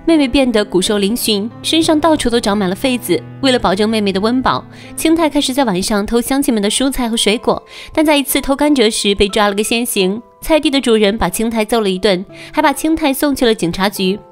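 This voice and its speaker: A woman's voice: on the high side, animated, fast, few pauses. A woman narrating a film recap in a scripted storytelling style. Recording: narration over faint background music.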